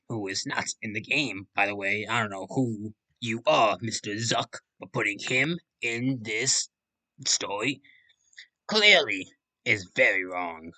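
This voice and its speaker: A man's voice: on the low side, sharp tone, rough recording. A man hosting a comedic fanfiction reading, breaking off into crude jokes and talking about himself in the third person. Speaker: channel host reading fanfiction. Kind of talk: comedic dramatic reading with commentary.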